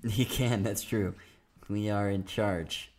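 A man's voice: on the low side, steady tone, slow pace, a little mellow. A man co-hosting a casual football mock draft chat, joking and playful.

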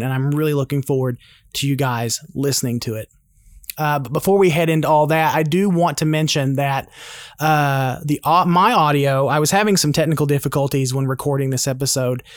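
A man's voice: fairly high pitch, no room sound, clean studio sound. A man in his thirties hosting a podcast in a casual, conversational and earnest way. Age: 30s. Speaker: podcast host.

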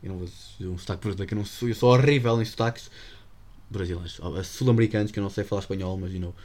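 This teen podcast host, a young man with a European Portuguese accent, talks in a low-pitched, slightly mellow voice at a rapid-fire clip. He rambles jokily through his solo show, peppering it with English slang.

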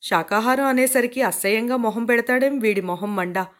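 A man's voice: extremely high pitch, moderate pace, a bit bright. A woman reading the lines of a man who grumbles and jokes about his food. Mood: grumbling jokey. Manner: grumbling, wisecracking.

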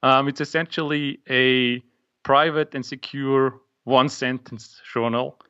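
A man's voice: mid-range voice, steady tone, measured pace, bright, forceful tone, clean tone, highs cut off. A young man with an Austrian accent, a native German speaker, hesitantly describing his app in an interview over a call from his home office. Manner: hesitant, many ums. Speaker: guest, app maker. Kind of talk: casual interview. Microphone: remote call.

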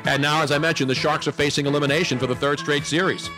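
A man's voice: a little high, fairly even intonation, quick pace, music in the background. A man in his sixties or older hosting casual sports talk in a joking, emphatic way. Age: 60s or older. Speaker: talk show host.

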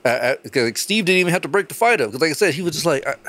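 A man hosting a podcast in casual chat, telling stories full of swearing and jumping up to a higher voice to act out the people in them. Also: rapid-fire, a little hiss or hum. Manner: animated storytelling, swears a lot, acts out quoted people in a much higher voice. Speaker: podcast host.

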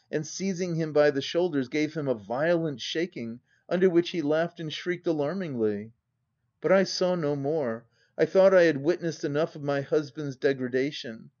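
A man narrating a classic novel as an audiobook reader, in a measured, dramatic reading. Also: on the high side, darkish tone, highs cut off. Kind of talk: scripted narration.

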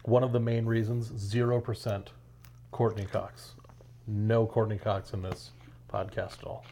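Deadpan low-voiced podcast co-host. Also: male voice, measured pace, slight background noise. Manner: dry, deadpan jokes. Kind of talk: casual banter.

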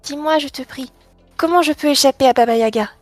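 A woman doing a gentle little girl. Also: high voice, a little fast, no room sound, faint music behind, voice pushed up, natural voice. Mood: pleading. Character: young peasant girl, gentle and polite.

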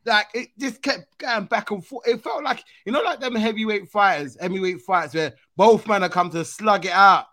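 A man with a London roadman accent hosting a casual football chat, speaking in animated street slang. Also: high-pitched, normal speed, few pauses, no room sound, clean studio sound. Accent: London, urban street style. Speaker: football talk show host.

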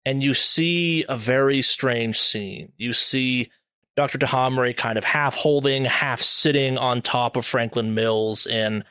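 A man's voice: medium pitch, fairly bright tone, no room sound. Casual male game master, dry sound. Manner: descriptive, casual narration with filler words. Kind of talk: narrating a tabletop game.

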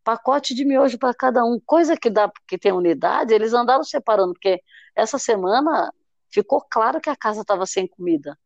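A woman chats on a podcast, acting out the quotes as she retells scenes. Her voice sits a little high and sounds dry and close. The audio is dull and muffled. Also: animated, fairly quick, no room sound. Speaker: podcast host. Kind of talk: casual chat.

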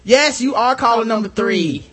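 A man's voice: very high-pitched, expressive, moderate pace, over a noisy crowd. A man hosting a radio show in an informal, slangy way, doing a playful contest promo for callers. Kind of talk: casual chat.

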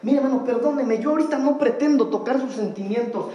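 A man preaching a sermon as pastor in a church, impassioned, swinging between hushed pleading and loud appeals. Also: very high voice, quick pace, heavy reverb, muffled recording.

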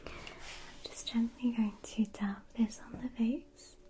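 Female, soft spa whisper for a whispered role-play as an attentive therapist; dark, relaxed tone. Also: on the high side, slow, rough recording.

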